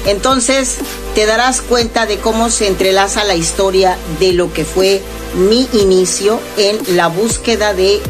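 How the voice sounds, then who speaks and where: A woman speaks to her viewers at an unhurried pace. Her pitch sits in a middle range, and her tone is earnest and inviting. Clear background music runs under her voice throughout. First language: Spanish. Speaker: paranormal vlogger. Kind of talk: casual vlog narration.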